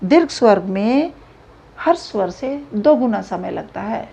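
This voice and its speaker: A woman teacher giving a grammar lesson, explaining slowly and repeating examples aloud. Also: medium pitch, expressive, gravelly, dark tone, husky. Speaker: Hindi teacher. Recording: dull lo-fi recording.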